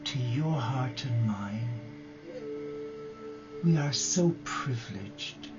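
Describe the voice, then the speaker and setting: A man speaking as a religious brother guides a meditation and prayer, gentle and reverent, in short phrases separated by long pauses. His voice is medium in pitch, and the live recording is dull and lo-fi with music.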